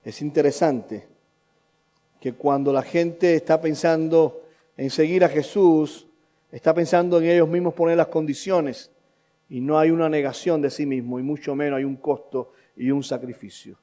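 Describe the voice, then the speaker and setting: A man preaching a sermon as pastor, swinging between loud emphatic questions and quiet low asides. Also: fairly even intonation, normal speed.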